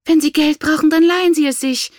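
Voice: sing-song, normal speed, dry recording, studio quality. A narrator voicing a cruel, scheming noble lady who whispers in rage and snaps shrilly at her husband. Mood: imperious. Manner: hissing whispers and shrill outbursts.

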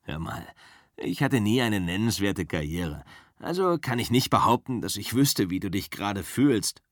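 A man reading an audiobook, voicing a calm, easygoing male driver and stunt double who talks matter-of-factly. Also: on the low side, moderate pace, no echo, studio quality, close to an everyday voice. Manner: easygoing, soothing, matter-of-fact. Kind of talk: audiobook character voice.

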